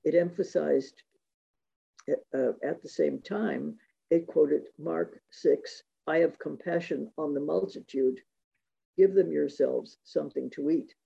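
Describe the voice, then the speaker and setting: A man giving a reflective talk on religious devotion, measured and reading quotations aloud, in a dull lo-fi recording. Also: fairly high pitch, vocal fry, dark tone, breathy edge. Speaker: speaker giving a talk on Eucharistic spirituality.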